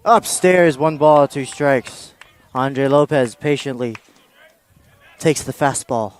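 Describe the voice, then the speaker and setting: A man calling baseball play-by-play, excitable on big plays and dry in his asides. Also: medium pitch, slow pace. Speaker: play-by-play announcer.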